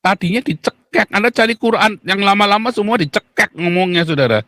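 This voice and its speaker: A man argues to his viewers in a sarcastic, theatrical monologue. His voice sits high, and he keeps turning back to the listeners to press his point. The sound is dry and close, with no room echo. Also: fairly quick. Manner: mocking, theatrical, repeatedly addresses listeners as "saudara"; jumps into high shouted voices when mimicking critics. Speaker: religious debater addressing viewers. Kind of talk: polemic monologue to an audience.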